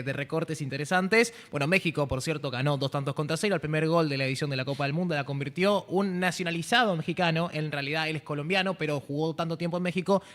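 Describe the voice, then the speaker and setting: A man in casual radio chat, running through match details briskly as the sports commentator. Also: a little high, a bit bright. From Argentina.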